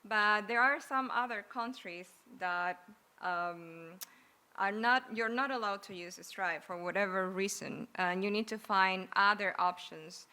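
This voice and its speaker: Bright-voiced woman speaking on stage. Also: mid-range voice, a little slow. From Argentina. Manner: relaxed, chatty, laughs easily. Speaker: conference speaker. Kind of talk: live tech talk on stage. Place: conference stage.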